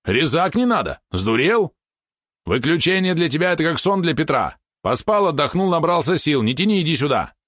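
Eager talking dog spirit, male, higher than the reader's own voice, pushy and indignant, voiced by a man. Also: very animated, fairly quick, a bit bright, no echo, studio quality. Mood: scolding.

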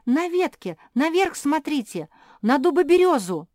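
A woman reading aloud and voicing the youngest pug sister, a shrill, exclamatory little dog. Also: animated, normal speed, no room sound, studio quality. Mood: excited.

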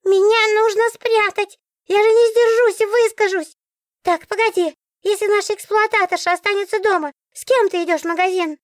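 A woman voicing a bossy, indignant female talking magic book in an audiobook, with a shrill, very high voice. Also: fairly even intonation, moderate pace, no echo, clean studio sound. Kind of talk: audiobook character voice.

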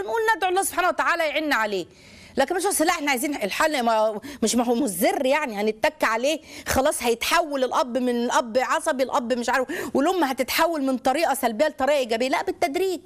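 An Egyptian woman hosting a call-in advice show, talking fast and animated in a preachy, motherly way from a studio. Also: high-pitched. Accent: Egyptian Arabic. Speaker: host answering callers. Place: radio studio.

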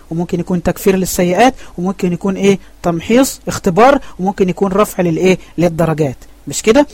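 Egyptian male religious teacher, brisk and high, close dry sound, online lesson. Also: a little mellow, no room sound. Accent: Egyptian Arabic. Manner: asks questions and answers them himself. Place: online voice chat room.

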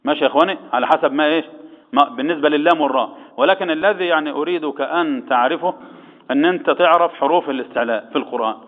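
A fast-talking male Quran teacher with an Egyptian Arabic accent, his voice on the high side, quizzes students during a tajweed lesson and answers the questions himself. The recording is echoey and tinny, phone-like.

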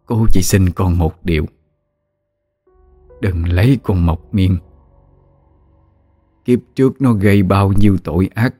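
A man voicing a dying old grandmother in a ghost story, in a soft, weary, slow voice. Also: deep voice, breathy edge, dry recording, soft background music, heavily acted. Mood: pleading. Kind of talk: audiobook character reading.

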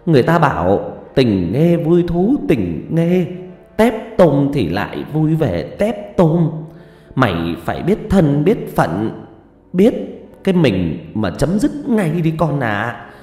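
A man's voice: medium pitch, big pitch swings, measured pace, dark tone, echoey room, big-room sound. A man voicing a poor, grieving old village mother who pleads with her son through tears. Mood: tearful pleading. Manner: tearful, pleading lament.

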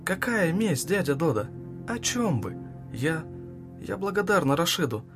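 A man voicing a defiant, unhinged young woman who mocks and shouts with hatred. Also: big pitch swings, unhurried, over music. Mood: fierce. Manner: mocking, shrill, shouting at times.

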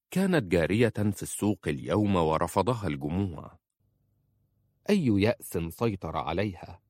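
A man narrating a romance novel as an audiobook in a dramatic, expressive way. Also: sits low, no echo, clean studio sound.

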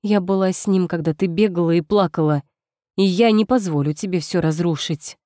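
A woman's voice: fairly low pitch, normal speed, mellow, no room sound, studio quality, lightly acted. A woman voicing a spiteful, mocking young female rival in a spoken story. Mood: scornful. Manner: mocking, taunting.

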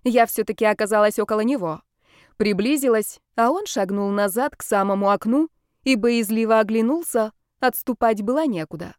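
A woman narrating a first-person audiobook in an expressive, dramatic way. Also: on the high side, normal speed, clean tone, no room sound, clean studio sound.

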